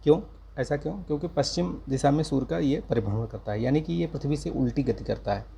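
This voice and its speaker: A man teaching an exam-prep lesson, speaking slowly and carefully and checking in with the listener again and again. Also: fairly high pitch, creaky, mellow, slight background noise. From India. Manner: slow, careful speech with repeated check-ins. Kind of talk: casual exam-prep lecture.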